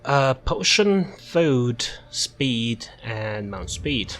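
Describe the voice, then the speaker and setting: A gamer presents a character build guide, casually explaining it as he plays, improvising and correcting himself along the way. His medium-pitched voice is sing-song, extremely slow and fairly bright, over soft background music.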